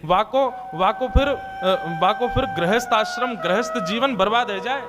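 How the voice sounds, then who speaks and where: A man's voice: high-pitched, a little slow, over loud music, voice pushed up. A man voicing a worried, earnest mother who admonishes and warns her daughter, in a devotional story. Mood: warning. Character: Madhavi's mother, worried, earnest older woman.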